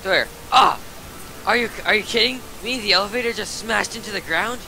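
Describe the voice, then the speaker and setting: A man's voice: high-pitched, fast, vocal fry, sharp tone, a little hiss or hum, low-quality recording. A young man playing a game alongside a streamer, laid-back and teasing in casual chat. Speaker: co-player.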